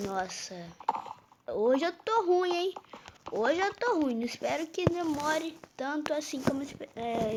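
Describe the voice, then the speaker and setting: A woman with a Brazilian Portuguese accent giving live gameplay commentary, impatient and repeatedly urging things along. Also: high-pitched. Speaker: gameplay youtuber. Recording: loud background noise.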